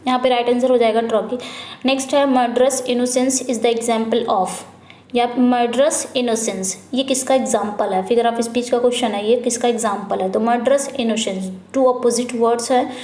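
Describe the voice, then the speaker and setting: A woman teacher working through an English exam practice paper, reading each question slowly and then asking and answering it herself, repeating the answer. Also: fairly high pitch, dark tone. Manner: mixes Hindi with English terms, reads questions out slowly. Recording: echoey room.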